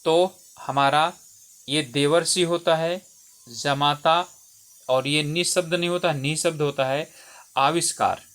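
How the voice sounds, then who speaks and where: A man's voice: fairly high pitch, fairly even intonation, slow, a bit bright, clean tone. A man working as a Hindi exam tutor, taking listeners through spelling questions one by one, repeating each word and often checking in with "theek hai". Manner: explains step by step, repeats words and says "theek hai" often.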